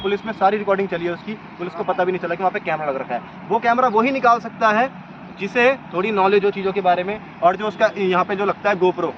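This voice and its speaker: A young man vlogging outdoors, laying out his points one by one in an argumentative commentary. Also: sits high. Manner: argumentative, makes points in a row. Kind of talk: commentary vlog. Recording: slightly dull lo-fi sound with faint noise.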